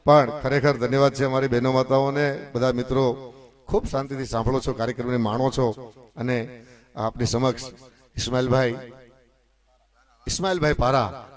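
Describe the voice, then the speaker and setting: A man's voice: mid-range voice, level tone, normal speed. A man with a Kathiawadi Gujarati accent telling folk stories on a live stage, chatty and teasing as he speaks straight to the crowd. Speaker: folk storyteller and stage announcer. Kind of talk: live folk storytelling to an audience.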